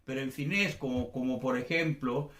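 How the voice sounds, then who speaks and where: A man's voice: medium pitch, moderate pace, a bit bright, roomy sound. A man teaching a casual language class, chatty and full of fillers and restarts, acting out exaggerated examples.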